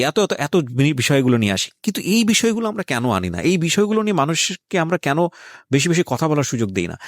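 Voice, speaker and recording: In a radio studio, a Bangladeshi-accented host conducts a conversational interview laced with reflective social commentary. His voice is mid-range, captured cleanly with no room sound. He comments emphatically, repeats phrases for emphasis, and slips English phrases into Bengali.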